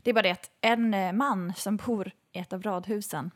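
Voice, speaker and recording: Woman, podcast co-host, casual storytelling, lively, swears casually. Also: mid-range voice. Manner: lively, swearing, many fillers and quick laughs.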